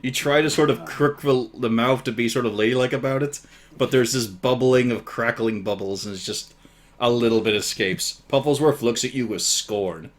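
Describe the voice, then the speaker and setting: A man's voice: medium pitch, moderate pace. A man running a live tabletop role-playing game, narrating scenes playfully and laughing often. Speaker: game master.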